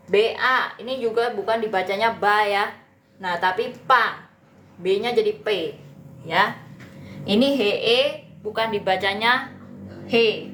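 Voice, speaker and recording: A woman teaches Mandarin in an unhurried, chatty way, repeating each sound for her viewers. Her voice sits in a middle register and carries an echo from the room around her. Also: medium pitch, a bit bright, a little hiss or hum. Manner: chatty, repeats pronunciations, addresses viewers often. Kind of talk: live online language lesson.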